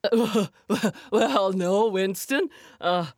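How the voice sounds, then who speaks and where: A woman's voice: medium pitch, a little mellow, dry recording, studio quality. A woman voicing a jolly, big male bear who chuckles and draws out his words. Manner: chuckling, drawn-out and slow.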